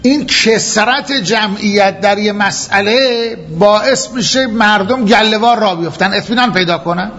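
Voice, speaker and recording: A man with a notably high voice delivers a seminary lecture on jurisprudence. He works through his cases methodically, restating points and throwing out rhetorical questions. The recording is dull and lo-fi, with a faint hiss underneath. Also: few pauses, a bit bright. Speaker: seminary teacher.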